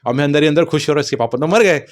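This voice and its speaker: A man giving a personal testimony in an animated way, acting out the dialogue. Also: a little high, very fast. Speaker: testimony speaker.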